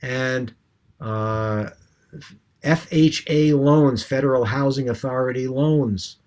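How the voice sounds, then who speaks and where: A man's voice: mid-range voice, slow, darkish tone. A man co-hosting a casual discussion, talking with many hesitant restarts and fillers. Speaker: co-host.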